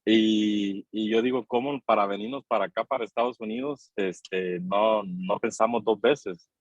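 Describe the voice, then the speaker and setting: A man's voice: lowish voice, fairly even intonation, normal speed, dry recording, dull audio. A man from Guatemala sharing in a church group over a call while driving, hesitant, with many fillers and restarts. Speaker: church course participant.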